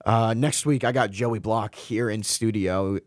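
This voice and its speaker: A man's voice: on the low side, steady tone, a little slow, no echo. A young man hosting a college radio show, chatting casually in a rambling, jokey way with frequent self-corrections, in a radio studio on a studio microphone. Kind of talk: casual on-air chat.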